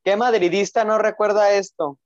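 High-voiced young man, dry dull audio. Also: steady tone, moderate pace, no room sound. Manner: emotional, repeats phrases. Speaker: football podcast co-host. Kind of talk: casual fan chat.

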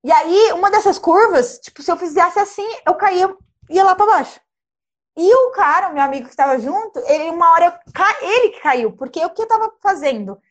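A young woman telling a dramatic personal travel story in casual, animated chat. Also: very high voice, fairly quick. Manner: lively, animated, dramatic retelling with gestures.

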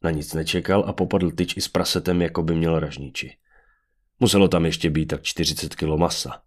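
A man narrating a fantasy audiobook with an even storytelling manner. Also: low voice.

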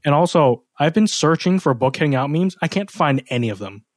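A man's voice: a little high, lively intonation, fairly quick, no room sound. A young American man from the United States hosting a podcast, chatting casually with dry, understated quips. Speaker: podcast host.

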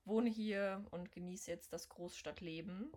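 A woman in her twenties co-hosting a casual podcast, chatty and quick to laugh between remarks. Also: on the low side, a little mellow. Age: 20s. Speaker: podcast co-host. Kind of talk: casual chat.

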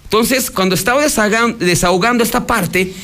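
A man's voice: high-pitched, a little fast, a bit bright. A man with a Mexican Spanish accent hosting news radio, retelling a court hearing in a rambling conversational way, acting out the quotes. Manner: rambling, frequent restarts, acts out quotes.

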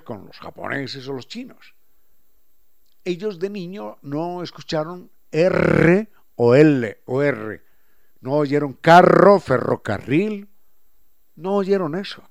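A male host with a fairly high voice. He explains in an unhurried, professorial way and lingers on individual sounds and words as he spells them out. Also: gravelly, darkish tone. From Ecuador. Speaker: radio host. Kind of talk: explanatory talk-show chat.

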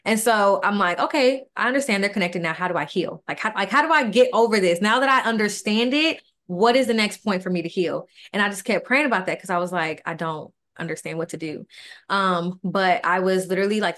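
A woman's voice: mid-range voice, a little fast. A woman, a podcast co-host telling a personal story in casual, earnest speech and acting out the dialogue. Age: 20s. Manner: earnest, animated retelling with quoted dialogue.

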